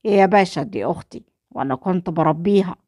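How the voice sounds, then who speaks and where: A woman's voice: lowish voice, fast, mellow, no room sound, studio quality, close to an everyday voice. A woman reading the lines of a frightened young man pleading excuses to an officer, with an Egyptian accent. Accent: Egyptian Arabic. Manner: fearful, whining excuses. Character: bullying young male brother, scared and pleading.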